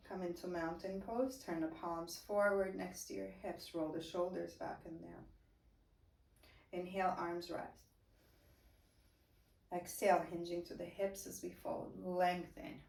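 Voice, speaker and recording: A woman teaching a guided chair yoga class, giving slow, soft-spoken breath cues. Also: on the low side, vocal fry, recorded from a distance. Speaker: yoga instructor. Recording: roomy echo, voice away from mic.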